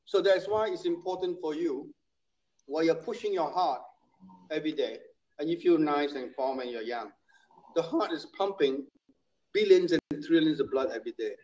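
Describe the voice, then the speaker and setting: A man in his sixties talks casually and emphatically, often repeating his points. His voice sits on the high side with a darkish tone at normal speed, captured in muffled lo-fi audio.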